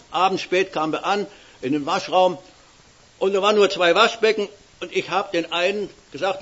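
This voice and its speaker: A man's voice: a little high, lo-fi sound, slight background noise. An elderly man preaching a sermon in a folksy way, often checking with his listeners. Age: older. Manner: folksy, keeps tagging "nicht?".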